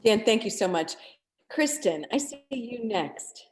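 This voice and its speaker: A woman's voice: a little high, animated, unhurried, darkish tone. Woman running a zoom-style meeting, upbeat, bit of faint noise behind her. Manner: upbeat, appreciative. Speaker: meeting moderator. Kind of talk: moderating an online meeting. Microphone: video call.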